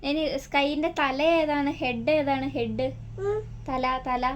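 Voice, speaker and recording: A woman's voice: sits high, steady tone, slow pace, a little hiss or hum. A woman with a Malayali accent, a vlogging mother who talks to her baby in coaxing, teasing baby talk and chats to viewers. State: toothache. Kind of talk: family vlog, talking to baby and viewers.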